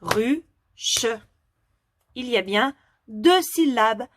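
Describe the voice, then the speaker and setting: Slow, patient woman teaching phonics. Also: a little high, animated, fairly bright tone, dry recording, clean studio sound. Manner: slow, clearly articulated, patient questioning. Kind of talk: phonics lesson for young children.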